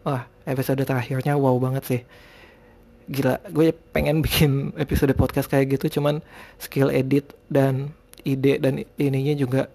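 An Indonesian man hosts a solo podcast, chatting casually and rambling while he often hunts for words. His mid-range voice is gravelly and dark, and he lisps his r sounds.

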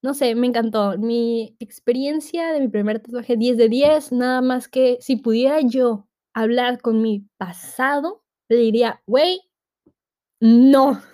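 A woman's voice: on the high side, unhurried, mellow, no echo, clean studio sound. A nineteen-year-old woman with a Mexican accent hosting a casual podcast, telling stories in a chatty, slangy way and acting out what people said. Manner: slangy, chatty, acts out quoted voices. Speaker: podcast host. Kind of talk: casual storytelling monologue.

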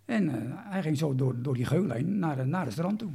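A man's voice: a little high, lively intonation, normal speed, gravelly, mellow, breathy edge. A man, recounting a personal story in an interview, hesitant with many restarts.

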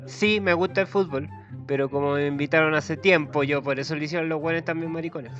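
A man's voice: fairly high pitch, fairly even intonation, a little fast, a bit bright, dull audio, faint music behind. A man with a Chilean accent doing a rambling, profane, self-mocking comedy monologue. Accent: Chilean Spanish. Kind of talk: comic monologue.

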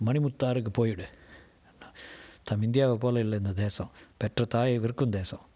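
Brief: cynical, lecturing immigrant businessman, read by the male narrator; low, husky delivery. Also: normal speed, mellow, lightly acted. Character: embittered middle-aged immigrant businessman. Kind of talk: audiobook narration.

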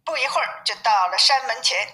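A woman reading a classic storybook aloud, with expressive, steady narration. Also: on the high side, brisk, low-quality recording.

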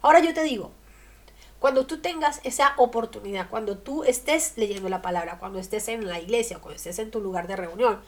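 A woman preaching a radio sermon, emphatic, asking rhetorical questions and swinging between loud and soft. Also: medium pitch, fairly quick.

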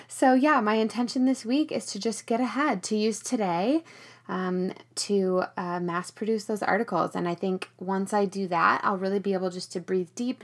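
A woman's voice: mid-range voice, gravelly. A woman hosting a podcast in a casual, chatty monologue, recorded in a small storage room with rain on the tin roof. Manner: chatty, conversational. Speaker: podcast host.

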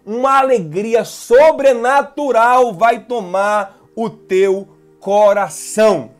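A man with a Brazilian Portuguese accent preaching a sermon on a live stream as pastor. He is animated, acts out prayers and breaks in with sudden exclamations. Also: high-pitched, slow, faint music behind.

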